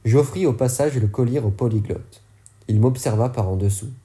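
Guy reading an audiobook, warm mellow voice, fixes his slips as he goes. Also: medium pitch, normal speed. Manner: steady reading with occasional self-corrections. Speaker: audiobook reader. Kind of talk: audiobook narration.

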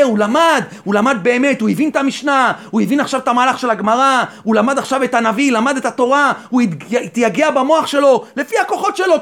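A man's voice: very high-pitched, fairly bright tone. A male rabbi giving a Torah sermon, asking rhetorical questions and answering them himself, and repeating key phrases for emphasis.

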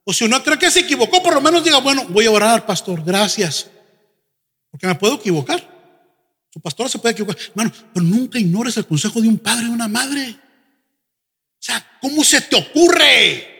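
A high-voiced man preaches a lively sermon, often slipping into quick mimicry of his congregants. His tone is bright and cutting, and the long reverb of a church hall trails each phrase. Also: husky. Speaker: pastor. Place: church sanctuary.

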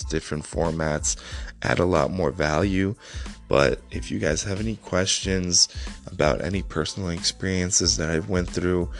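Deep-voiced man musing on a podcast. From Ukraine. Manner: reflective, motivational, loosely rambling with many "I mean" and "you know". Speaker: podcast host. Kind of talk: unscripted solo podcast monologue.

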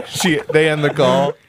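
Guy on a podcast doing little voices for a story, kinda high pitched, joking. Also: wildly swooping pitch, slow pace, crowd noise. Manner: jokey, acts out phone calls with voices. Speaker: podcast co-host. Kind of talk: casual chat.

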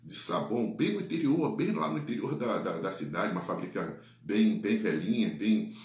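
A man with a Brazilian Portuguese accent retells a faith-based life story, halting often on repeated words and tagging lines with "né?". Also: lowish voice, lively intonation. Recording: echoey room.

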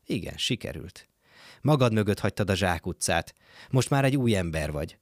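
A man reading a story aloud, voicing a calm young man who speaks softly and reassuringly. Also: low voice, no echo, clean studio sound. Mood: tender. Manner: soft, reassuring. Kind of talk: audiobook reading.

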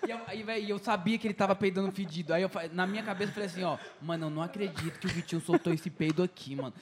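A man's voice: high voice, rapid-fire, slight background noise. A Brazilian man telling a story in casual chat, slangy and jumping in over others.

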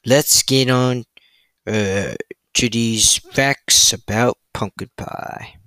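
A man's voice: mid-range voice, drawn-out words, pushed and bright, no room sound, rough recording. A young man hosting a casual solo podcast, reading out facts in a loose, chatty way with fillers and self-corrections. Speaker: podcast host.

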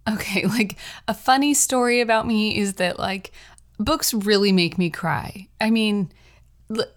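A young adult woman hosting her own podcast, telling personal stories in a chatty, rambling way with frequent laughs. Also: medium pitch. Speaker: podcast host, writer. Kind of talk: casual personal monologue.

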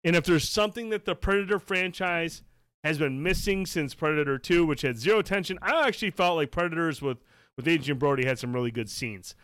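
A man hosting a casual livestream chat, talking excitably and swearing freely. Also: fairly high pitch, brisk, no echo, studio quality. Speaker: show host.

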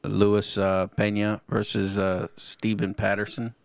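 A man's voice: lowish voice, little pitch movement, a little slow, creaky, smooth, no room sound. A man co-hosting a casual podcast, recapping fights in a laid-back, profane, joking way. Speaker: podcast co-host.

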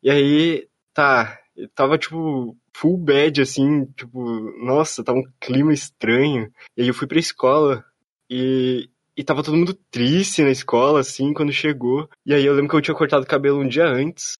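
A man's voice: medium pitch, steady tone, moderate pace, no echo. A young man with a southern Brazilian accent, telling a story in a casual, rambling way with lots of slang and fillers.

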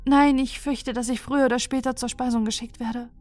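A woman's voice: a little high, steady tone, brisk, darkish tone, no echo, voice pushed up, natural voice. A woman voicing a young female alien weaver who pleads in fearful despair, over faint background music. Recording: dry close recording with faint music.

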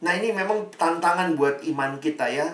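A man delivers a relaxed, chatty sermon, slipping into other people's voices as he tells his stories. His voice fills a roomy space, picked up from some distance away from the mic. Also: a little high, brisk. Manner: animated storytelling, acts out quoted voices. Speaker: preacher. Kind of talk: casual sermon.

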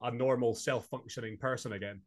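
A young adult man from Scotland with a Highland Scottish accent, chatting casually as an interview guest. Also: fairly even intonation, fairly quick. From Inverness, Scotland. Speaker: podcast guest, singer-songwriter.

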